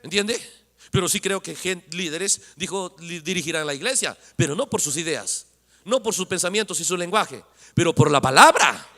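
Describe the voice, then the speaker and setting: High, bright-voiced preacher in echoing church. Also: male voice, moderate pace. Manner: emphatic, keeps asking "understand?"; rises to shouting on key points. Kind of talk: sermon. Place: church sanctuary. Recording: long reverb of a church hall.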